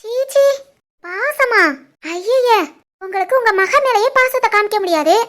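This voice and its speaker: A woman voicing an outspoken young daughter-in-law in an animated family drama, defiant and lecturing, with a southern Tirunelveli Tamil accent. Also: very high voice, measured pace. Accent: southern Tamil Nadu (Tirunelveli) Tamil.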